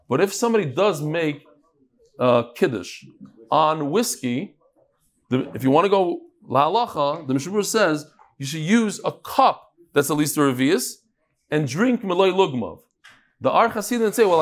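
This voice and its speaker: Male Talmud teacher, higher-pitched. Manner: conversational, switches between English and Hebrew-Aramaic terms. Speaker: religious teacher leading a Talmud class. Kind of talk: informal Talmud lesson, reading and explaining.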